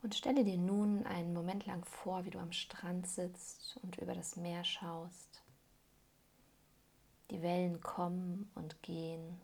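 The speaker is a woman guiding a soothing weight-loss meditation in the role of hypnosis guide. Her voice is husky and fairly low, very slow and calm, with pauses between instructions and soft phrases that fade into breathy, creaky near-whispers.

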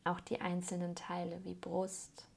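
Acting as a hypnosis guide, a woman leads a soothing guided meditation, calmly and gently giving instructions. Her voice is soft and breathy, sits on the low side, moves a little slowly, and often trails off toward a whisper.

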